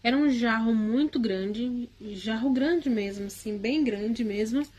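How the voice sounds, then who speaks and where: A woman's voice: fairly high pitch, unhurried, a little mellow. A woman casually recounting a personal spiritual experience in the first person. She speaks hesitantly, with frequent tag questions and restarts.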